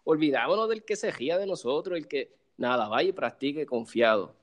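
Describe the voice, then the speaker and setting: A man talking casually on a talk show, telling animated stories and acting out what people said. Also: fairly high pitch, fairly quick. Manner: animated storyteller, acts out quoted voices. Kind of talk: casual chat.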